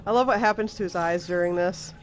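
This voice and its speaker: A woman's voice: fairly low pitch, fast talker, soft background music. A young woman chatting and laughing as she comments on her own live game play. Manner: chatty, laughs often, reacts loudly to gameplay. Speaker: streamer.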